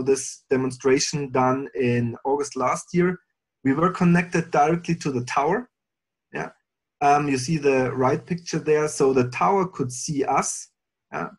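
A man giving a panel presentation over a video call, explaining in a measured way with frequent fillers and restarts. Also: medium pitch. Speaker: panelist presenting for an air taxi company.

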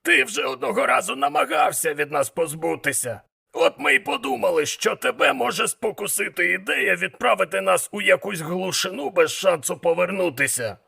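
A man voicing a blunt, demanding male demon mentor in an audiobook, gravelly and commanding. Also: high voice, lively intonation, moderate pace, bright, forceful tone, pitched above the performer's own voice, full character voice.

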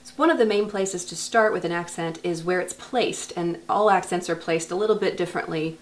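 An American woman, a dialect coach, explaining clearly and patiently with examples. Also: fairly low pitch, fairly quick, music in the background. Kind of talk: explanatory teaching to camera.

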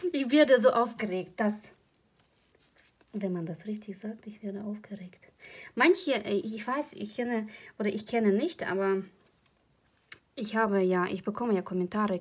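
Husky-voiced chatty woman. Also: medium pitch, moderate pace. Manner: chatty, rambling and emotional, laughs often. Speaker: crochet channel host. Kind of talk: casual vlog chat. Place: at home.

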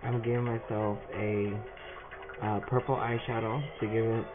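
A man's voice: on the low side, little pitch movement, moderate pace. A man, a face painter, casually talking through a face paint tutorial with a lot of "um" fillers. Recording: tinny phone-like recording with music.

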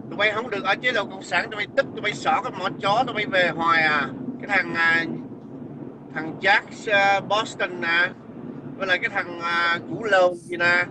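A man hurls scornful, profane insults in an angry rant. He sounds like he is calling into a livestream. Heavy wind noise whips across the mic outdoors. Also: high-pitched.

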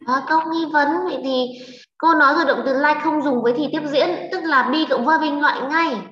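A woman English teacher with a Vietnamese accent, leading a class online, brisk and prodding students with questions. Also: high-pitched, fairly bright tone, a little hiss or hum. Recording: echoey, lo-fi online class audio.

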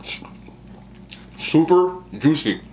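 A man's voice: on the high side, lively intonation, slow pace, crowd noise. A man chewing while talking as he eats on camera, a slangy mukbang vlogger who keeps repeating short exclamations. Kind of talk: casual chat to camera.

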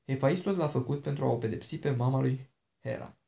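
A man's voice: mid-range voice, vocal fry, warm tone, lightly acted. A man voicing an ancient princess, a charming and dangerous woman who talks in a sweet, persuasive, coaxing way.

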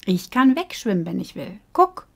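A woman's voice: medium pitch, very animated, moderate pace, gravelly. A woman voicing Bo, an earnest young fish who speaks bluntly and insistently. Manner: insistent and scolding.

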